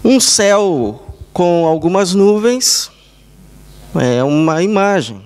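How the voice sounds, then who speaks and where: Brazilian pastor guy preaching slow, clear smooth voice, tells little stories bit by bit. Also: sits high, big pitch swings, a little mellow. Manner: measured, illustrative storytelling in short phrases. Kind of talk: sermon. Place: church service.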